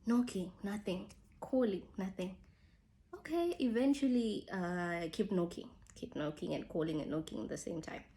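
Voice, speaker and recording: A woman's voice: fairly low pitch, warm tone. A young woman casually telling viewers a personal story, full of "like" fillers and calling them "guys". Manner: chatty, frequent "like" fillers, addresses viewers as "guys". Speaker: vlogger telling her engagement story.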